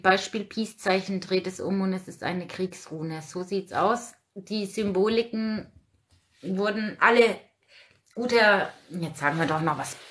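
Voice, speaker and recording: A woman's voice: mid-range voice, fairly bright tone. A woman in her forties hosting a casual livestream, outspoken and ranting while reading out viewer comments. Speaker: livestream host.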